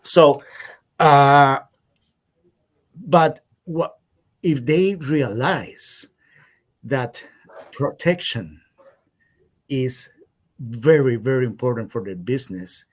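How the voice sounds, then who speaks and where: Hesitant man, middle pitch. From Costa Rica. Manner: halting, many fillers and restarts. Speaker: podcast guest, insurance agent. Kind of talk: casual interview conversation.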